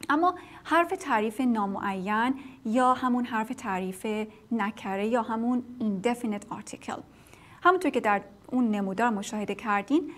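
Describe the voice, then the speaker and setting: Patient woman teaching a TV language lesson. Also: fairly high pitch. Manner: patient, explanatory, with frequent fillers and self-corrections. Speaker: English teacher.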